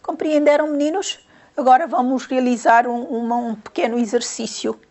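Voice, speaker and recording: Woman teacher, fairly high voice, patient, repeats questions, grammar lesson for kids. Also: steady tone, normal speed, darkish tone. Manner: patient, repeats questions and counts syllables aloud. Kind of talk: grammar lesson to young pupils.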